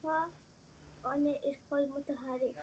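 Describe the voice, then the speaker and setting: A woman's voice: high-pitched, fairly even intonation, quick pace, darkish tone. A female student in a Quran lesson, giving short replies and repeating after the teacher. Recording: dull lo-fi online call, clear background noise.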